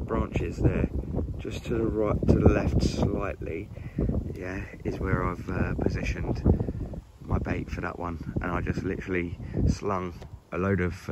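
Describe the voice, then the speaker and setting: Sitting close to a camera on a stand by a lake, an English-accented fishing vlogger in his forties chats casually, full of ums and restarts. His voice sits low, and the very noisy recording has its highs cut off.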